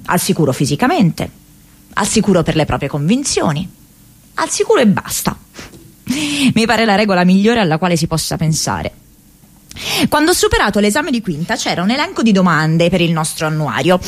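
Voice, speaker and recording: In a radio theatre monologue, an actress with a medium-pitched voice plays a restless, playful, intense college-age young woman. The confessional delivery is halting, with dramatic pauses and bursts, moving from earnest to wry and playful.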